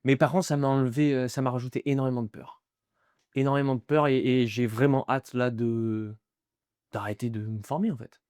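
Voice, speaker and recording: A young man talks openly in a relaxed interview, often restarting and repeating himself as he searches for words. His voice sits in an ordinary middle pitch, and the recording is dry and close. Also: brisk, clear, resonant tone, dry recording. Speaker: guest, aspiring comedian. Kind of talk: casual interview chat.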